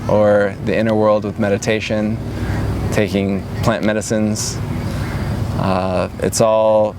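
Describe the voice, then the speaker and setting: A low, flat-toned man in his twenties muses in a slow, halting interview, pausing and restarting often. He sounds reflective and unhurried. Traffic and outdoor noise come through clearly behind him. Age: 20s. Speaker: retreat organizer. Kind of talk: personal interview monologue. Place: outdoors at a large gathering.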